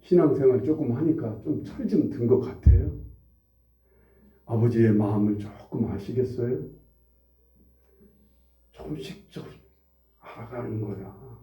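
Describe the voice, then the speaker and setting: A pastor in his forties preaching a conversational sermon in a church, swinging between hushed asides and loud, high outbursts. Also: measured pace, long pauses. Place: church sanctuary. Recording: roomy, distant, dull church recording.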